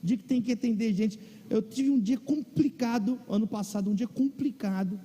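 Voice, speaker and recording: This pastor's voice is high, mellow and husky, moving at a moderate pace. He speaks with a Brazilian Portuguese accent, weaving a humorous personal anecdote into a sermon, and the sound carries the long reverb of a big hall, likely a large church or auditorium.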